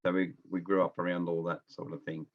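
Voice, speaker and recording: This is casual anecdotal chat from an Australian interview guest, a middle-aged nurse from Melbourne speaking remotely from home. He talks a little fast in a low, level voice, and the recording sounds muffled.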